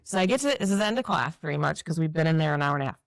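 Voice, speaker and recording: A woman, co-hosting a podcast and telling stories in a lively, casual way, swearing freely. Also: deep voice, rapid-fire, vocal fry, no echo. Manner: animated storyteller, swears freely. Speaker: podcast co-host. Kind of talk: casual conversation.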